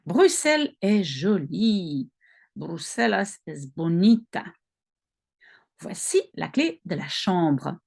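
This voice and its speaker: Belgian French woman teaching, slow deliberate delivery, fry in the voice. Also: on the low side, sing-song, darkish tone. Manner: slow, careful, self-correcting, explaining as she goes. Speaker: language-learning video host. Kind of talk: reading practice dialogue aloud.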